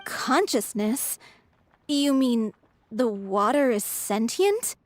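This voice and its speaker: An actress playing a frail young singer who speaks in a quiet, confiding way. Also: female voice, on the high side, lively intonation, takes it slowly, a little hiss or hum. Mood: surprised.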